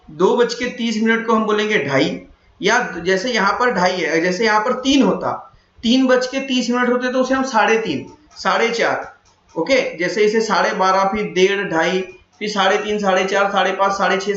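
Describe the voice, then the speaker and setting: A man with a high voice teaches a math lesson, patiently going over each point again and stopping to quiz his students. The sound is roomy and echoey, and the recording is dull and lo-fi. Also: a bit bright. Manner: patient, repeats points and quizzes the listener. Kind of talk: explaining a classroom lesson.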